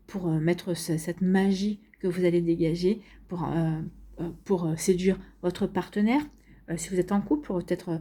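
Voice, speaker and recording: Chatting casually to viewers, a woman reads tarot cards in a warm, mid-range voice with a breathy edge. Her talk is loaded with fillers and repetition, and she keeps saying "donc ici."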